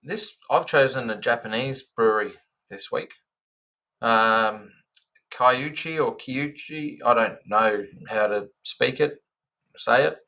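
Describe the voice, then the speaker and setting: A man's voice: fairly low pitch, measured pace, pushed and bright. An Australian man co-hosting a casual beer podcast, chatty and blunt in his talk. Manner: chatty, blunt, says "mate". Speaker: podcast co-host.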